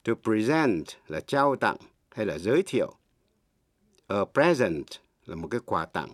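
A middle-aged man with a fairly low voice gives an English lesson for Vietnamese speakers, taking his time over every word. His pitch rises and falls a great deal as he spells terms out and repeats examples. The sound is dry and close, with no room around it. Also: sing-song, no echo. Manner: slow, deliberate, spells words letter by letter and repeats examples. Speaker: English teacher.

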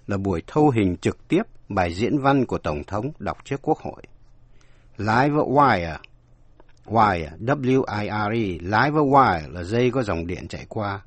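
A man's voice: fairly low pitch, lively intonation, a little slow, no room sound. A man giving a scripted radio language lesson, explaining word meanings and spelling words out letter by letter. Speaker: language teacher.

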